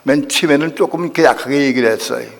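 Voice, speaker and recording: A man's voice: mid-range voice, racing, vocal fry. An older male pastor preaching a sermon, telling a personal story with strong emotion and acting out the people he quotes. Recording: long reverb of a church hall.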